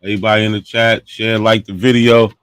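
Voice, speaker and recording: A man hosting a live stream, signing off in a laid-back, drawn-out way. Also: lowish voice, level tone, fairly bright tone, clear, resonant tone, no echo, clean studio sound.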